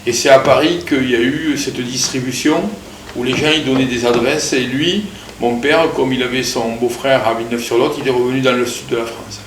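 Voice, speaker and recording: A Portuguese-born man in his fifties casually recounts his family's migration story as an interviewee. He speaks at a middle pitch in a steady tone, slow and hesitant, pausing often and filling gaps with small sounds. There's a noticeable room echo and a faint ambient hum beneath his voice.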